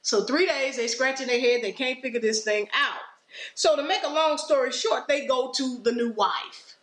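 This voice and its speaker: A woman with a fairly high voice leads a conversational Bible lesson, reading scripture aloud and then retelling it in plain, casual words. The recording has a roomy echo around her voice. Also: normal speed, fairly bright tone. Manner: reads verses, then paraphrases them in loose everyday speech. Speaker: Bible teacher on a podcast.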